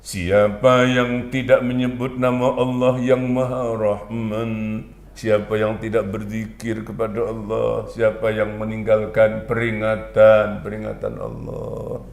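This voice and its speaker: Slow gravelly preacher in an echoey room. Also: male voice, lowish voice, flat delivery. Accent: Indonesian from Lampung. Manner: drawn-out emphatic phrasing, Quranic recitation in a chanting tone. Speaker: pesantren leader preaching to parents. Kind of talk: monthly Islamic study sermon.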